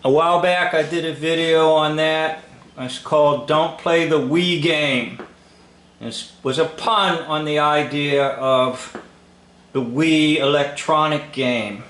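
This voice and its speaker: In an echoey room, a video commentator with a slightly high, fairly bright voice gives informal, sceptical commentary on an old film, instructing in short, emphatic phrases.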